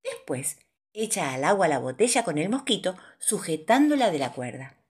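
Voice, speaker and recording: Animated woman reading a children's story. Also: on the low side, normal speed, breathy edge. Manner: animated, playful, singsong. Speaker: storybook narrator.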